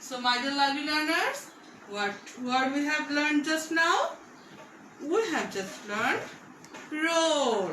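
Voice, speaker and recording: Bangladeshi woman, primary school teacher, online vocabulary lesson, lively sing-song pitch, echoey room, a bit off-mic. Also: far from the mic, a little hiss or hum. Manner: slow, drawn-out and repetitive, coaxing young pupils.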